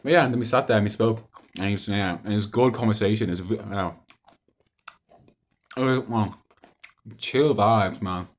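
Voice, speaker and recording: A man's voice: on the low side, normal speed, pauses often. A young adult man talking casually in a rambling, hesitant monologue, repeating himself and letting thoughts trail off. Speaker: video diarist.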